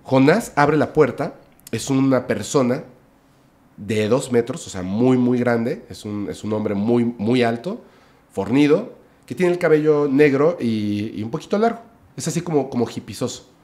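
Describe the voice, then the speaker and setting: A man's voice: mid-range voice, measured pace. Chatty male podcast guest telling a story. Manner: lively retelling, with "o sea" and "¿no?" tags. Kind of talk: storytelling in a casual chat.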